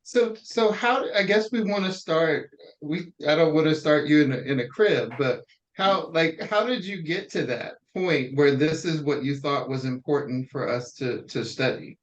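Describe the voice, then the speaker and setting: A man's voice: on the high side, unhurried. A man hosting an interview, framing long, careful questions in a conversational tone. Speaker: interviewer host. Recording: dull lo-fi audio.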